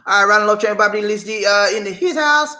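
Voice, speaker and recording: A man's voice: sits high, fast, bright, forceful tone. A man from Charleston with a Southern Gullah Geechee accent, chatting casually to livestream viewers in a folksy, colloquial way and often repeating his phrases. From Charleston, South Carolina, USA. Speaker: livestream host.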